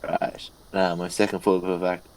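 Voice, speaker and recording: Low-voiced young man stumbling over facts. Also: level tone, normal speed, a little mellow, rough recording. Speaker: podcast co-host. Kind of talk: casual chat. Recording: faint background noise.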